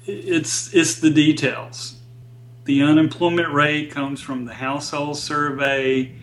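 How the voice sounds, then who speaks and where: A man speaking as a guest economist in an interview, explaining data in a measured, deliberate way. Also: a little high, flat delivery, a little hiss or hum.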